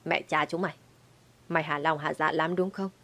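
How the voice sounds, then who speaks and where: A woman's voice: low-pitched, fairly even intonation, normal speed, a bit bright. A woman voicing a scheming, drunken young husband who talks in a coarse, abusive way. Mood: drunk angry.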